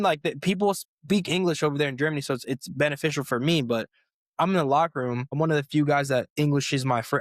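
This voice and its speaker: A young American man, a pro footballer, guests on a podcast in a relaxed interview chat, rambling along with lots of fillers and false starts. His voice sits at a medium pitch, captured dry and at studio quality.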